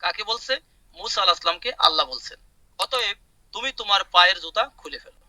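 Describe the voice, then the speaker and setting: Guy teaching arabic words over a video call, really bright voice, kinda high, dry sound. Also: lively intonation, fast, no room sound, poor audio. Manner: repeats and explains words patiently, asks students questions. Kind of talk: online class lecture.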